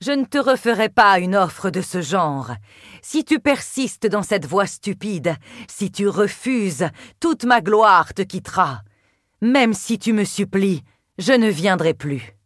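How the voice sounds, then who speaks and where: A woman's voice: mid-range voice, expressive, slow pace, no room sound, studio quality. A woman voicing a proud, cold, furious goddess in an audiobook, speaking in a cutting, imperious way. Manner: cutting, imperious, spits words. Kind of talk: audiobook character voice.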